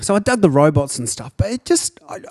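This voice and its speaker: A man's voice: on the high side, big pitch swings, a little fast, darkish tone, breathy edge, dry recording, studio quality. A man co-hosting a casual podcast, teasing and self-deprecating. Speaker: podcast co-host. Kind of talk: casual chat.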